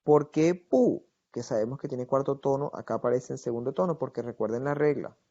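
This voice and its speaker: A man gives a recorded Mandarin grammar lesson. He explains patiently, keeps checking in with his students, and slows right down to model each Chinese phrase. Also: medium pitch, steady tone, a little mellow, muffled recording. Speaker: Mandarin teacher.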